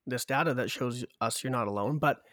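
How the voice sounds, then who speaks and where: Brisk and fairly bright, this medium-pitched male voice belongs to a podcast co-host with a cold. He chats casually, cheerfully walking listeners through survey figures, captured in clean studio audio without echo.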